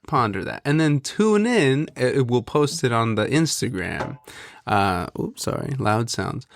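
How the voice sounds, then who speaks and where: A young man with a fairly low, stuffed-up nasal voice chats slowly and loosely, drifting from one thought to the next. He hosts a podcast, and his voice sounds close and dry with no room around it. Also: creaky, no room sound. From Pacific Northwest. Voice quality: nasal from allergies. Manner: relaxed, rambling, drawn-out delivery. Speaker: podcast host. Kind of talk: casual podcast chat.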